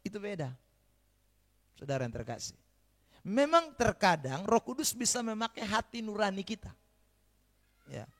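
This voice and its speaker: A man preaching a sermon as pastor, calling out to the congregation often and swinging from quiet asides to loud emphasis. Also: high voice, big pitch swings, moderate pace, pauses often.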